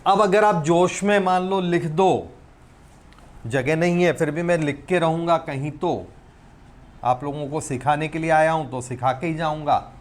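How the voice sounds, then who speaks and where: Man teaching chemistry, high voice. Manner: asks students questions and answers them himself; reads lists of elements slowly, one by one. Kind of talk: recorded classroom lesson.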